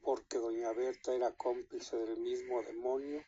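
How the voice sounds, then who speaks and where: A man with a Mexican accent telling a scary story in an unhurried way, with small restarts mid-sentence. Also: medium pitch, little pitch movement, dark tone, husky, dull audio.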